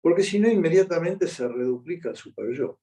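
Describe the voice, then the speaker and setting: A man's voice: on the high side, lively intonation, fairly quick, dark tone. A man with a Rioplatense Spanish accent giving a conversational conference lecture, often checking in with his audience. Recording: voice picked up from a distance.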